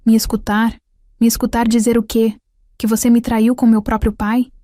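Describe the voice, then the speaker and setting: Betrayed young son, shouting in anguish, mellow dry storybook read, voiced by a woman. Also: a little high, level tone, moderate pace, no echo, natural voice.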